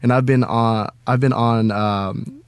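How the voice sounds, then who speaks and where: A man's voice: mid-range voice, fairly even intonation, slow, smooth, no echo. Chatty young man from Indonesia. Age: young adult. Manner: chatty, laughing, lots of fillers. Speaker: guest, college student and slam poet. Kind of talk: casual interview chat. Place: radio studio.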